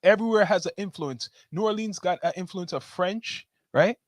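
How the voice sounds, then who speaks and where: A man's voice: sits high, normal speed, no echo, clean studio sound. A man with a Toronto slang accent in a casual discussion, explaining his points step by step and often checking in with "right?". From Toronto, Canada.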